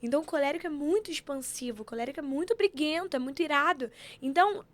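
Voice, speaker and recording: A woman telling stories in an animated, preachy way, acting out quotes as she chats on a podcast. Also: high-pitched, fast. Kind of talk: casual chat.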